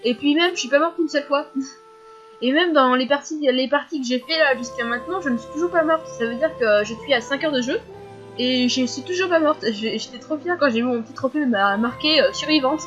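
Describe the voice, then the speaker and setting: Chatty high-voiced teenage girl vlogger. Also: a bit bright, muffled recording, soft background music. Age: teens. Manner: fast, chatty, giggly, lots of fillers. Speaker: youtuber answering viewer questions. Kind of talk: casual FAQ vlog.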